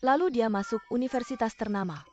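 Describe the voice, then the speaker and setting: A woman's voice: a little high, a little fast, natural voice. A woman dubbing a teasing, fond elderly orphanage nanny in a television drama, chatty in manner. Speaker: dubbing actress. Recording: dull sound, music behind.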